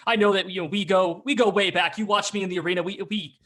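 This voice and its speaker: A man's voice: sits high, steady tone, fast, fairly bright tone, voice pushed up. A man voicing Baldur, a very drunk, blustering friend who slurs his words. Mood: pleading drunkenly. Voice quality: slurred, blustering. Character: drunk blustering old friend, staggering and slurring.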